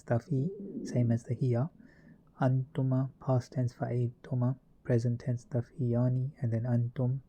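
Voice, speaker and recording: Dark-voiced man drilling grammar tables. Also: mid-range voice. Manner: methodical, reciting verb forms in a steady list. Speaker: Arabic grammar teacher. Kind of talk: conjugation lesson walkthrough.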